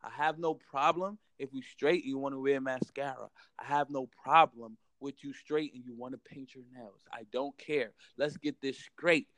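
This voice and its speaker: A man's voice: medium pitch, steady tone, moderate pace, hardly any pauses, fairly bright tone, no echo, poor audio. A young American man in a heated casual debate, emphatic and repetitive, full of slang and constantly saying bro.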